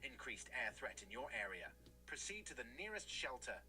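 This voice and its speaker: Man, air raid loudspeaker announcement, distant outdoor loudspeaker, clipped repeated warnings, sharp bright tone. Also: mid-range voice, very animated, brisk, faint music behind. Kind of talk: urgent public warning announcement.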